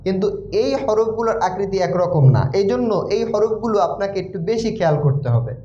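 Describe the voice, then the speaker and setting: A man teaching Quran letters in a slow recitation lesson, with a Bangladeshi Bengali accent, repeating each letter sound many times. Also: high voice, animated, mellow, a little hiss or hum. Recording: roomy, dull lo-fi sound.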